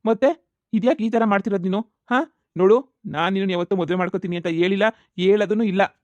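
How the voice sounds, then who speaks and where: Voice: medium pitch, brisk, darkish tone, no room sound, highs cut off, lightly acted. A voice actor playing an exasperated man who refuses a marriage, in a cartoon comedy. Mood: irritated scolding.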